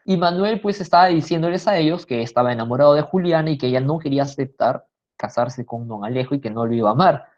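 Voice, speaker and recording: A woman's voice: extremely low pitch, quick pace, a little mellow, dull audio. A woman telling a story in a casual, conversational way. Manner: conversational, with fillers and restarts.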